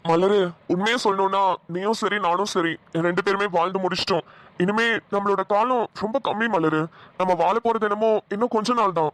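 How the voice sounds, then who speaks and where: A voice actor playing an elderly husband and father in a cartoon, gentle and fumbling, who stammers and coaxes. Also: mid-range voice, brisk, no echo, natural voice. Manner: stammering, coaxing. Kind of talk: cartoon dialogue.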